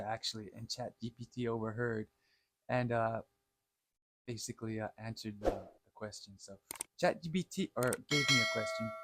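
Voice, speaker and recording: A man hosting a casual vlog, talking in a halting, hesitant way while eating. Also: medium pitch, fairly bright tone, a little hiss or hum. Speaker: host.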